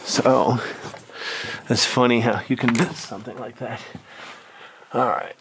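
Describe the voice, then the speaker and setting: A man's voice: mid-range voice, fairly even intonation, measured pace. Man filming a cave vlog, noisy audio. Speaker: cave explorer filming his trip. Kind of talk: casual vlog narration. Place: inside a cave, lava tube. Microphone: action camera mic.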